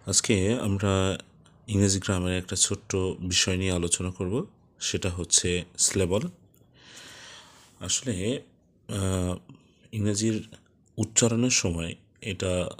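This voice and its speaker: A man with a fairly low voice teaching a grammar lesson. He explains patiently and unhurriedly, with frequent hesitant fillers, and stretches each example word out slowly. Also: steady tone.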